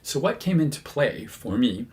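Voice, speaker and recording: A man who works as a medium and hosts a channel talks casually to camera in a mid-range, darkish voice. He sounds very animated at a moderate pace, using many fillers and frequently correcting himself.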